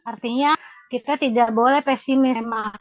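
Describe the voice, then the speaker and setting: High-voiced woman giving earnest testimony. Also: fairly even intonation, no room sound. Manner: emotional, earnest, halting with many fillers. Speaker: congregation member sharing testimony. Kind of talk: casual spoken testimony. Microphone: video call. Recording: dull lo-fi video call audio.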